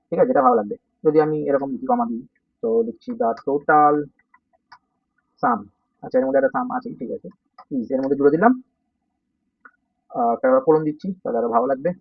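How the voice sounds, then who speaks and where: A man teaching a coding lesson in a Bengali accent, speaking softly because of a sore throat and often checking that students follow. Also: a little high, no echo. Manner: informal, checks understanding often. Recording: dull, dry, slightly distant.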